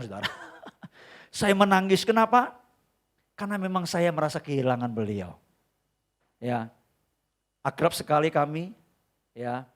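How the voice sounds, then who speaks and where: Man, middle-aged pastor, high voice, emotional sermon storytelling. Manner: animated, emotional storytelling, keeps addressing the congregation. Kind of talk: live sermon. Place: church sanctuary.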